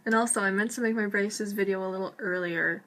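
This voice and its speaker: A woman's voice: mid-range voice, steady tone, fairly quick, fairly bright tone, slight background noise. A woman with braces chatting casually to camera as a vlogger, rambling and interrupting herself as she goes. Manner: talking with braces.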